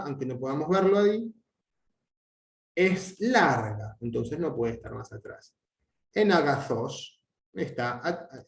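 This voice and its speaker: A man teaching a language lesson, explaining at length with frequent restarts and fillers, and drawing out his example words slowly. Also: on the high side, darkish tone. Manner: hesitant, many restarts and fillers. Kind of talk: explanatory lecture. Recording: echoey room.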